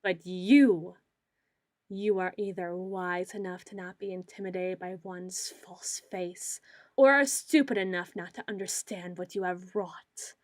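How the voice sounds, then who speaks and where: A woman playing a pompous, socially awkward self-styled lord of shadows in an ASMR roleplay, speaking in grandiose, archaic phrases with dramatic pauses. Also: on the low side, fairly even intonation, no room sound, clean studio sound, natural voice. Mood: haughty, mysterious.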